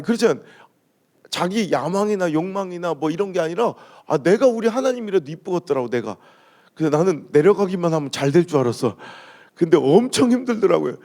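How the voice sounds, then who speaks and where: A man's voice: high-pitched, fairly quick. A man from Chungcheong preaching at a dawn revival service, telling humorous stories and mimicking the way people talk. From Chungcheong, Korea. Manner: storytelling, mimics regional dialogue, lively jokes. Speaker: pastor. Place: church sanctuary.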